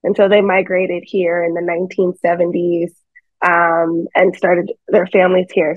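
A young woman organizer speaking unscripted on a webinar from home, halting with many fillers and restarts. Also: lowish voice, no room sound. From United States. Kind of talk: unscripted panel remarks. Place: home, seated by a staircase. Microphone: phone or laptop on a video call. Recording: dull lo-fi call audio.

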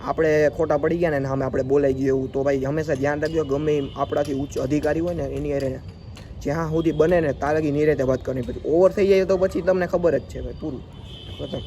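With a slight hiss or hum on the recording, a young man on the high side talks fast as he tells a story in a casual vlog. He is outdoors by a school, acting out the quoted exchanges in an animated way.

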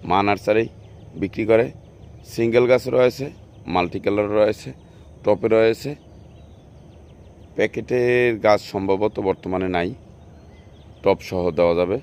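A nursery video host with a Bangladeshi Bengali accent narrates a casual walkthrough of an outdoor plant nursery, pointing out plants in a repetitive, salesy way. His voice is fairly low, a little mellow, and clean in tone, at normal speed with long pauses.

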